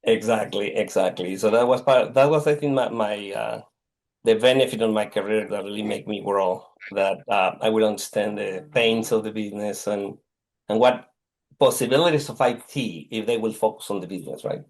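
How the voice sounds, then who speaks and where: Over a rough recording, a middle-aged man from Mexico, a technology executive, fields podcast interview questions in a Mexican Spanish accent. His darkish, lowish voice comes in halting bursts as he hunts for words, stopping and restarting frequently.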